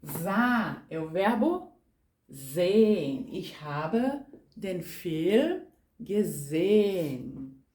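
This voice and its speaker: A woman's voice: lowish voice, big pitch swings, drawn-out words, dark tone, reverberant. A woman teaching German grammar, patiently spelling out verb endings and repeating little tag questions. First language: Portuguese. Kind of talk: explaining grammar to learners.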